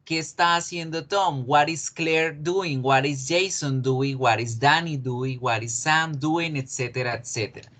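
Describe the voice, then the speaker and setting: A male English teacher giving a class, explaining patiently, repeating key words slowly and asking students questions. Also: fairly high pitch, fairly bright tone.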